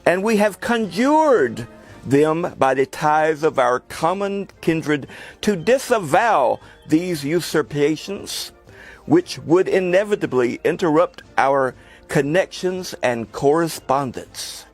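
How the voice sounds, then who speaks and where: A man's voice: a little high, expressive, slow pace, faint music behind. A man formally reciting a historical document as a horror host.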